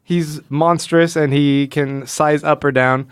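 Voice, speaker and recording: Slow and steady, this man's a little high voice sounds smooth on a dry, studio-quality recording. He hosts a podcast, giving a casual, analytical comic book chat and performing quoted lines while retelling.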